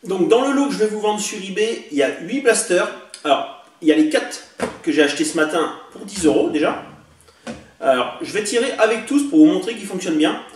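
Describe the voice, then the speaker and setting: A man's voice: high voice, expressive, brisk. A man casually showing off toy blasters he bought, chatty and hesitant with many fillers, recorded indoors on a camera mic. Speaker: toy collector vlogger. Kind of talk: casual show-and-tell demo. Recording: echoey room, distant mic, faint hiss.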